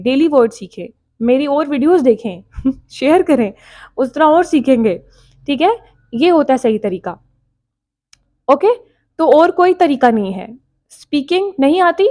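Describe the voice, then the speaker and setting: This is a woman with a high voice giving a casual spoken English lesson to her viewers. She talks in a direct, encouraging way and keeps repeating her main point. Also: a little mellow. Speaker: English teacher.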